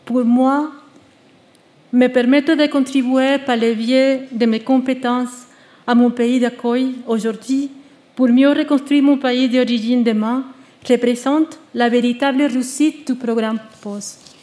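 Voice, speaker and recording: A woman, reading a prepared testimony on stage in a measured, earnest way, with small restarts. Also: high-pitched, steady tone, warm tone. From Venezuela. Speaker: exiled researcher giving a testimony. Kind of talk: prepared speech read to an audience. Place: stage at a live public event.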